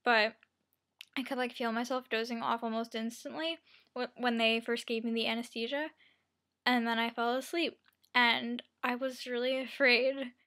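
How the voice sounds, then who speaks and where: Young woman chatting casually, slightly high voice. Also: level tone, normal speed, bright, forceful tone. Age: young adult. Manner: rambling, self-deprecating, quoting herself and others. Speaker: vlogger. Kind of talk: casual chatty personal storytelling.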